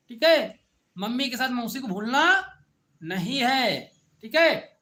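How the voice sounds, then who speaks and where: Bright-voiced man teaching an online class. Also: very high-pitched. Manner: repetitive call-and-response questioning; informal, addresses students directly. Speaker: agriculture teacher.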